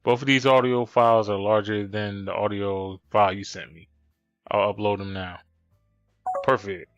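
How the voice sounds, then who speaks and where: A man's voice: fairly low pitch, level tone, a little slow, smooth, no echo. A man streaming a game, commenting and reading aloud as he goes. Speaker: streamer playing a detective game. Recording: dull lo-fi sound, music behind.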